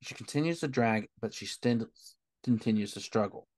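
Low-voiced man recapping a comic. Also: normal speed, darkish tone, no room sound. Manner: retells scenes plainly, quotes dialogue in a low subdued tone; reads passages aloud with occasional fillers. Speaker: book club podcast host. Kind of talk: casual comic book recap.

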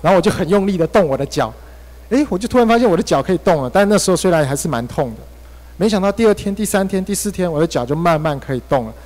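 A Taiwanese-accented male pastor preaches through a personal story, his delivery swinging between hushed and emphatic. His voice sits a little high for a man. The church hall adds a long, lingering reverb. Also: animated, racing. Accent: Taiwanese Mandarin. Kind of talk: sermon.

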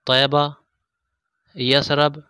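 Crisp, bright-voiced man reading quiz questions. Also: mid-range voice, level tone, no room sound, clean studio sound. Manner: reads each question, pauses over the options, then states the answer. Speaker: quiz host. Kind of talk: scripted quiz narration.

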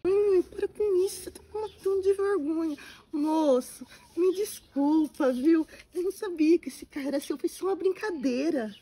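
A woman's voice: very high-pitched, normal speed, mellow. A young woman with a Brazilian accent playing a spoiled, scornful girl in an amateur comedy skit. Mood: embarrassed. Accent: Brazilian Portuguese. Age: young adult. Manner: haughty, scornful, whiny. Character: spoiled, snobbish young woman chasing wealth.

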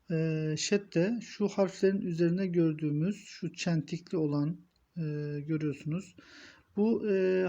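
A man teaching Quran reading in a step-by-step lesson, saying each syllable aloud and repeating it patiently, clearing his throat now and then. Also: high voice, warm tone, highs cut off.

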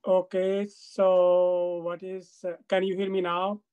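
A mayor chairing a commission meeting over a video call from a tablet, with the audio cutting in and out at uneven volume and a relaxed, hesitant way of talking. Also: medium pitch, slow pace, smooth, highs cut off.

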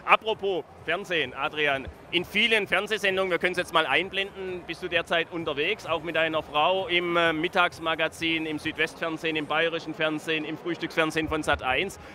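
This middle-aged TV talk show host runs a lively live panel discussion in a busy festival beer tent using a handheld reporter microphone. His fairly high voice is pushed and bright, fairly even in intonation, a little fast and with hardly any pauses. The noise of the packed tent fills the background.

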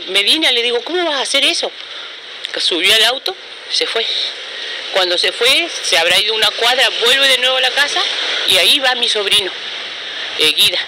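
A middle-aged woman with an Argentine accent, the victim's aunt, telling what happened in an urgent, repetitive way with many restarts, interviewed outdoors. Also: medium pitch. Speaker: victim's aunt giving testimony. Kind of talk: street interview. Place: outdoor courtyard by a building. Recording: noisy outdoor news footage.

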